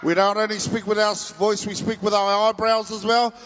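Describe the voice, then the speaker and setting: High-voiced Māori New Zealand man hyping crowds. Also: flat delivery, fairly quick, fairly bright tone, long reverb tail. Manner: informal, playful, calls out to audience, mixes in Māori words. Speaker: festival stage host. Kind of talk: crowd-hyping live event hosting.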